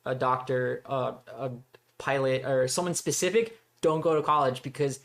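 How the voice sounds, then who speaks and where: A young man from Colombia whose first language is Spanish, a filmmaker guest telling his story in casual, animated podcast chat. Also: mid-range voice. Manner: animated storytelling, quick asides, laughs easily.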